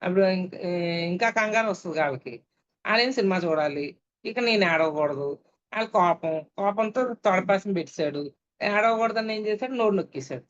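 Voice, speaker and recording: A middle-aged woman, a meditation teacher, telling a personal story in a reflective way with frequent pauses. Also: mid-range voice. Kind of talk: personal testimony talk. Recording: dull lo-fi recording with faint hiss.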